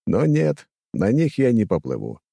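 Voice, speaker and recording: Brief: male audiobook narrator, dark warm tone, animated delivery, dry close mic. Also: mid-range voice, a little slow, gravelly, breathy edge, no echo. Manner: expressive storytelling. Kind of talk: scripted first-person narration.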